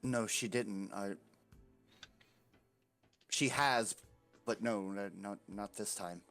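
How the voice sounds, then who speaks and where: A man's voice: on the low side, fairly bright tone, faint music behind. A man voicing a frightened young girl who stammers and repeats herself nervously. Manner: stammering, halting, nervous repetitions.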